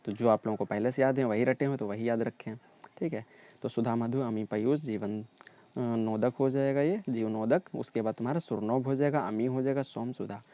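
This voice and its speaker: Guy teaching vocab for exams, low mellow voice, keeps repeating lists and saying thik hai. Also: brisk, dry recording. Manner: repetitive drilling, frequent "ठीक है" check-ins. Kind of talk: exam prep lesson.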